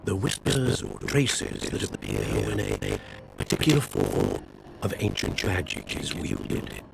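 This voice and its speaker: A man playing a learned, reassuring professor of magic in a video game, formal and deliberate in his speech. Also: lowish voice, wildly swooping pitch, creaky, heavy background noise, full character voice. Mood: explaining, reassuring. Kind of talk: video game cutscene acting.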